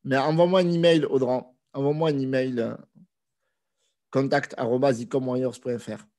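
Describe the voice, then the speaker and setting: His voice is mid-range and moderately paced as he casually responds to viewers on a live stream. The man, in his thirties and nursing a cold, talks from a small room via video call with a desk microphone, conversational and relaxed, pausing often.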